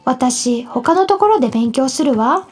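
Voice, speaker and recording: A woman's voice: sits high, animated, unhurried, darkish tone, slightly rough, soft background music, heavily acted. A woman voicing an offhand, flippant girl in a storybook. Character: flippant, aloof older sister girl.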